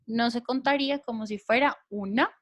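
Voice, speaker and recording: A woman with a high voice leads an English class. She explains things patiently and keeps checking that her students are following. She speaks into a computer mic for a recorded online class. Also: normal speed, a bit bright. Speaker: English teacher.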